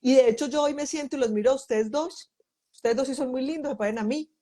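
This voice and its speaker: A woman's voice: high-pitched, fast talker. A middle-aged woman hosting a family conversation, telling stories and acting out the dialogue in them. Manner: animated storyteller, acts out quoted dialogue. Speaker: host, mother.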